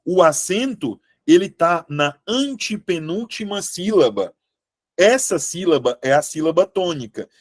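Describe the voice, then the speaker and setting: A man's voice: high-pitched, animated, unhurried. A Brazilian man teaching Portuguese grammar in an online exam-prep lesson, chatty and checking in with his students all the time. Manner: chatty, asks "beleza?" often, calls students "meus amores".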